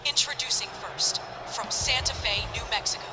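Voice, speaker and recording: Female wrestling ring announcer over loud music. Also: a little high. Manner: measured, drawn-out introductions in short phrases.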